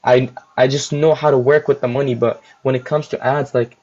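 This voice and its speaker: On a muffled, lo-fi livestream, a young adult store owner appearing as a guest rambles casually, chewing gum and leaning on filler words. He talks fairly quickly in a mid-range, darkish voice with fairly even intonation.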